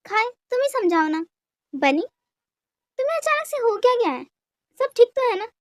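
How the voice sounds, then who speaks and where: A woman's voice: very high voice, very animated, normal speed, no room sound, studio quality. A woman voicing a patient, teasing pregnant young woman with a soothing, affectionate manner.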